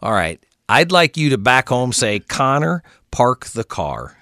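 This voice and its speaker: A man's voice: mid-range voice, sing-song, measured pace, sharp tone, no echo. Radio host guy, jokey and teasing, voice bounces all over, dry studio sound. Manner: playful, teasing, joking. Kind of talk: casual radio interview.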